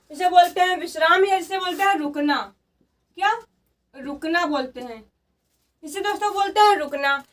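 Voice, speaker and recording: Woman teacher, very high voice, repeats key words and quizzes her class, recorded from a distance. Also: fairly bright tone. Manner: repetitive, asks and answers her own questions. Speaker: Hindi teacher. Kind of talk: classroom lesson.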